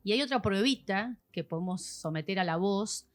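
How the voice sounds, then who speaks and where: A woman appears as a voice specialist guest in a podcast chat, explaining things patiently like a teacher and acting out examples. Her voice is medium in pitch and moves at normal speed.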